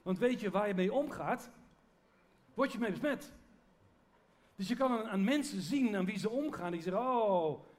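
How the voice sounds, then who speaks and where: A man's voice: high voice, expressive, normal speed, pauses often. A man preaching a sermon to his church in an earnest, conversational way, often restarting his sentences. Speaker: pastor.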